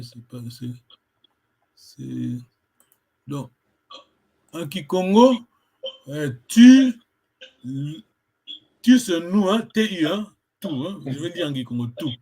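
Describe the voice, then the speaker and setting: A man gives a language lesson in a slightly raised voice. He talks slowly and patiently. He repeats each word carefully so his student can follow. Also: on the high side, a little mellow, breathy edge. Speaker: language teacher.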